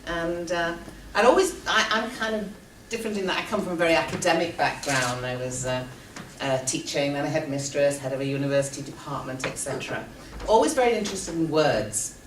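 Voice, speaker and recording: A woman's voice: low voice, a little fast. An older woman on a conference panel speaking in an articulate, wry way. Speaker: panelist, former headmistress. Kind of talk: panel talk. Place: conference hall. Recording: echoey hall, distant mic, background noise.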